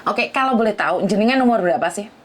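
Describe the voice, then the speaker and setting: A woman's voice: medium pitch, expressive, quick pace, noisy background. Probing woman host. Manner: probing, asks for confirmation often. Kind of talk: live-stream interview.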